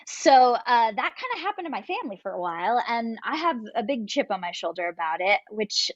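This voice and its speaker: A woman's voice: a little high, big pitch swings, brisk, no room sound, dull audio. A young woman from Los Angeles sharing her background on a discussion panel, chatty and self-deprecating, laughing often. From Los Angeles, California. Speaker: panelist, actor.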